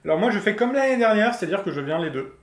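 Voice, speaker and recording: A man's voice: high voice, big pitch swings, racing, echoey room. A man casually reading game dialogue aloud, stumbling and restarting often. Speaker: co-player.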